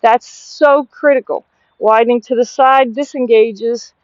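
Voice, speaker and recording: Higher-pitched woman horse trainer, dull audio. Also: fairly even intonation, a little slow, no room sound. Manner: explanatory, interspersing short praise and commands. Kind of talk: hands-on instructional demonstration with spoken commands to the horse. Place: horse barn aisle, later an outdoor riding ring.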